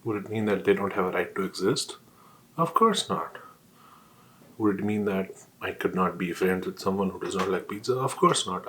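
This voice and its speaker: A man's voice: deep voice, a bit bright, slight background noise, low-quality recording. A man on a casual solo rant, talking while eating with his mouth sometimes full, often asking questions and answering them himself. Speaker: vlogger.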